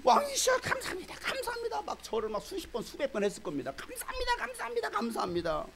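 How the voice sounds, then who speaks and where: A man's voice: huge pitch swings, fast talker, gravelly, heavy background noise, exaggerated voice. A man doing a fawning, two-faced servant. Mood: groveling. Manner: high-pitched groveling, then coarse shouting. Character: fawning, then bullying male servant.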